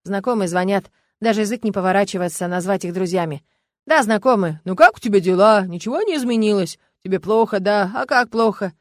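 A woman reading an audiobook, voicing a gloomy, bitter middle-aged man who bursts out loudly and sardonically. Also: mid-range voice, brisk, dry recording, clean studio sound, natural voice. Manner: agitated, loud, sardonic outbursts.

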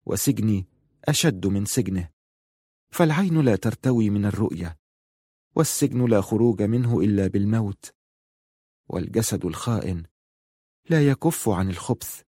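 A man voicing a sorrowful young woman, the wife of a lord, speaking softly and sadly. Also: fairly low pitch, slightly rough, no room sound, studio quality.

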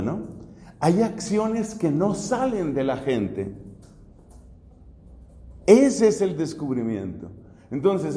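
A Colombian Dominican friar in his fifties teaches a theology class, explaining ideas step by step through questions and everyday examples. His fairly high, mellow voice carries a Colombian Spanish accent and echoes through a hall with long reverb.

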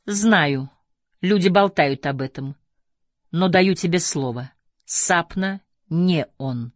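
A narrator voicing a calm, soft-spoken older man, a crime boss giving quiet, measured orders in an audiobook. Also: a little high, dry recording, clean studio sound.

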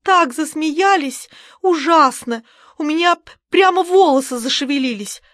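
A woman's voice: sits high, lively intonation, unhurried, a bit bright, no echo, clean studio sound, pitched above the performer's own voice. Woman doing a terrified pleading old woman. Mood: horrified. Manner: pleading, agitated, rising to shrieks. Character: frightened elderly woman, tearful and nervous.

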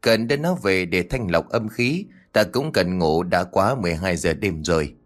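Man voicing a calm older exorcist master in an audio ghost story, low voice. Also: moderate pace.

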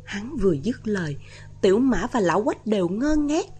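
A woman narrating a novel as an audiobook, reading in an even, steady way. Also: mid-range voice, normal speed, slightly rough.

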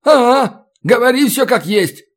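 A man's voice: very high-pitched, animated, measured pace, pitched above the performer's own voice, full character voice. A man putting on a hot-tempered, blustering man. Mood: gruff. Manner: shouting, blustering. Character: hot-tempered grumbling man, quick to rage.

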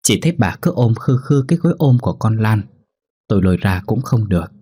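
A man's voice: lowish voice, sing-song, a little fast, mellow, slightly rough. A man voicing a matter-of-fact old husband who grumbles mildly in a ghost story. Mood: grumbling.

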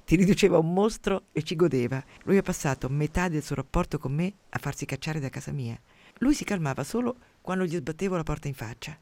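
A man with a fairly high voice hosts a radio programme, reading and commenting on poetry in a theatrical way. He bursts out loudly, then sinks to near-whispers. The studio sound is dry and close. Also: expressive, fairly quick, no room sound. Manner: impassioned, theatrical reading with sudden loud outbursts and hushed drops. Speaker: radio host.

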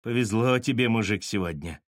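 A hoarse, hot-headed thug mutters and growls threats, played by a male reader. His lines swing between sulky and loud. Close, dry audiobook sound. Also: fairly high pitch, lively intonation, extremely slow, no echo, voice pushed up, heavily acted. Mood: threatening.

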